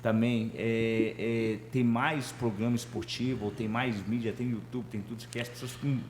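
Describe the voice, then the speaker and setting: A man's voice: medium pitch, steady tone, normal speed, darkish tone. A man with a Brazilian Portuguese accent co-hosting a podcast, chatting about football in a conversational way and often asking questions. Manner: conversational, asks questions, many fillers. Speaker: podcast co-host. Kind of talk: casual sports chat. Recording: echoey room with faint background noise.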